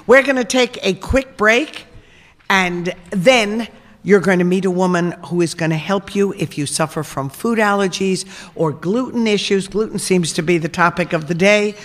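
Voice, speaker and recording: A woman hosting a live radio show from a reception hall, chatting with her guests and steering them with leading questions. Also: on the low side. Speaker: radio talk show host. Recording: long hall reverb from live venue.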